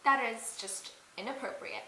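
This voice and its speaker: Young woman, fairly high voice, chatty and giggly, makeup tutorial vlog, faint hiss. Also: moderate pace, pushed and bright. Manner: chatty, giggly, lots of fillers. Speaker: beauty and dance vlogger. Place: indoors at a mirror. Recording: echoey room with faint hiss.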